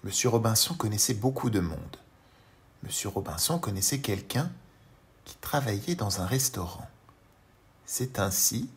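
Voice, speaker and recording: A male storyteller narrating a children's audiobook, slow, gentle and expressive as he addresses a young listener. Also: lowish voice.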